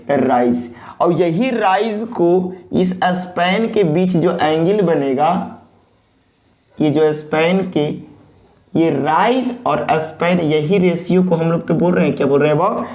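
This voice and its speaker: Male lecturer, high voice, asks and answers his own questions, drills key terms, echoey room. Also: unhurried, a little mellow. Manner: mixes English technical phrases into speech. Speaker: teacher. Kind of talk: recorded technical lecture.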